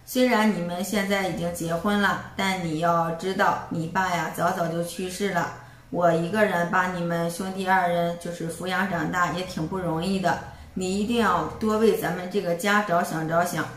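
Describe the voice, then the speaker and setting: A woman's voice: fairly low pitch, fairly even intonation, moderate pace, roomy sound, slight background noise, lightly acted. A woman voicing a scheming widowed mother-in-law in her own plain voice, coaxing and nagging.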